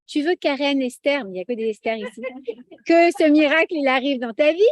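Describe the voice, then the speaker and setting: A woman teaching a lively religious lesson to an audience, chatty and animated, often checking in with the audience. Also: high voice, fairly quick, no room sound.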